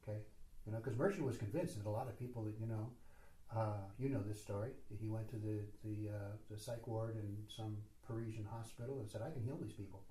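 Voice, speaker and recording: A man's voice: on the low side, fairly quick, mellow. A man leading a spiritual retreat session, talking informally and rambling with many fillers and self-deprecating asides. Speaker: retreat teacher. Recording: roomy echo.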